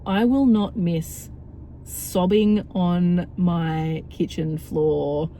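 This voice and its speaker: A woman's voice: fairly low pitch, steady tone, extremely slow, dark tone. A young woman, stressed and tearful, crying as she talks through a weary, rambling, self-deprecating confessional vlog in a car. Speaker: vlogger and mother. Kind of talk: casual confessional vlog rant. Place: inside a car. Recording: car interior with vehicle noise.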